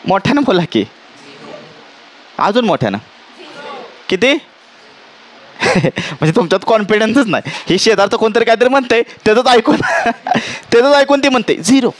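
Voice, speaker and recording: A man's voice: very high voice, lively intonation, normal speed, a bit bright. A man teaching a physics class, asking the students questions again and again, teasing them playfully and mixing English terms into his talk. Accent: Marathi. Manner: questioning, checks understanding often; mixes English terms into Marathi.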